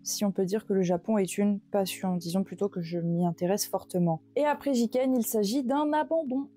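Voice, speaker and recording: A woman's voice: mid-range voice, brisk, dark tone, faint music behind. Chatty young Frenchwoman reviewing books. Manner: chatty, laughs often, self-mocking asides. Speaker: book reviewer. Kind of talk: casual book review vlog.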